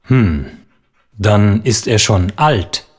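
A man voicing a kind older male neighbour in a textbook listening dialogue, friendly and unhurried. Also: fairly low pitch, animated, a little mellow, slightly rough, heavily acted.

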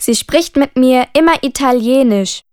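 A woman plays a friendly schoolgirl in a language-course listening dialogue. The voice sits high and the lines come slowly and with clear articulation. It is a dry, close studio recording. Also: darkish tone, dry recording. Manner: slow, careful, clearly spoken.

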